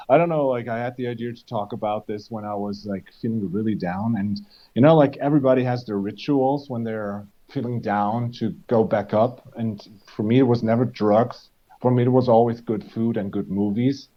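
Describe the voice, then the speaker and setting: A man's voice: medium pitch, normal speed. A man, an English speaker, co-hosting a podcast in casual chat, rambling with lots of restarts and fillers. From Germany. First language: German. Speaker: podcast co-host. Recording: dull lo-fi recording.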